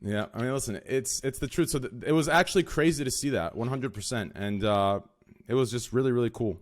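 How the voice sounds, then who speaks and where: A man's voice: medium pitch, brisk. A young man hosting a casual podcast with friends, brash and swearing, talking straight to his chat. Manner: brash, swearing, talks to chat, loud impressions. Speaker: streamer and podcast host.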